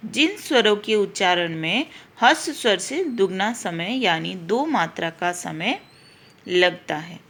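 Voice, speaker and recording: A woman's voice: medium pitch, animated, slow, fairly bright tone. A woman teacher giving a patient grammar lesson to schoolchildren, spelling out letters one by one and repeating her explanations. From India.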